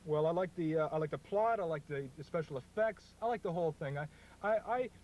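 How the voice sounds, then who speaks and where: A young man plays an enthusiastic film critic hosting a spoof review show. He speaks in a high voice with halting repeats and stubborn opinions, recorded on slightly noisy home video. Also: a little mellow, close to an everyday voice. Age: young adult. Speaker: show host. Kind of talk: mock movie-review show banter.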